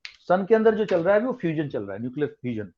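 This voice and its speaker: Hindi-English tutor man, slightly high voice. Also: very animated, quick pace, lo-fi sound. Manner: explains in mixed Hindi and English, asks students questions. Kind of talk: online class lecture.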